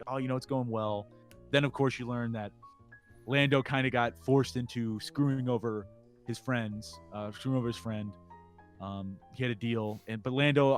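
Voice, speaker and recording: Man rambling through a movie recap. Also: medium pitch. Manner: rambling, acts out film lines in quick impressions. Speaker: podcast co-host. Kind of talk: casual movie recap chat.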